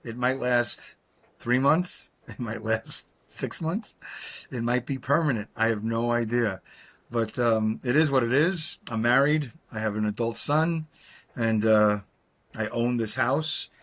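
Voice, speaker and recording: A podcast co-host in his 60s, originally from Brooklyn, New York, talks loosely on a video call from home. His mid-range, fairly bright voice keeps a measured pace as he rambles, full of filler words and humor at his own expense.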